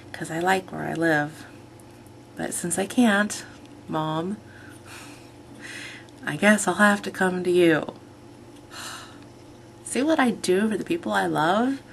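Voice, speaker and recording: Low, gravelly woman in her thirties. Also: a little hiss or hum. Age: 30s. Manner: rambling, chatty, self-correcting. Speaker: vlogger. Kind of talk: casual personal vlog.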